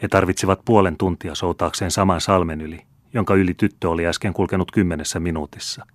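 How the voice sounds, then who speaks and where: Man reading an old novel aloud, deep voice, dry close sound. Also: steady tone, dry recording. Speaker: audiobook reader. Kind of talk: scripted narration of a classic novel.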